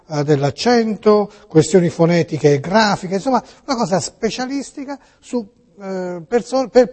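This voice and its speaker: A middle-aged man hosts in a loose, joking monologue, teasing his listeners and stumbling playfully over his own words. His voice sits a little high for a man. A long reverb trails behind every phrase, as in a big hall. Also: darkish tone, breathy edge. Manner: playful and teasing, many "eh" fillers and restarts. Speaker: radio and TV host.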